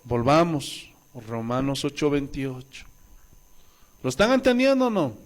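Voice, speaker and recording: A man from Bolivia preaching a sermon as pastor, animated, acting out voices and questioning the congregation. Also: medium pitch, a little slow.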